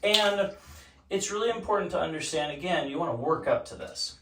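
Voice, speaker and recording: A vlogger demonstrating ice baths talks to the camera from an ice cold home bathtub, casual and instructive, with a high-leaning voice and brisk delivery. He is far from the mic, and the recording carries bathroom echo and water noise.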